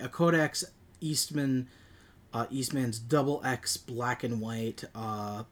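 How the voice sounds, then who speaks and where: Male film podcast co-host, average pitch, conversational, halting while hunting for details. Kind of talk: casual film discussion.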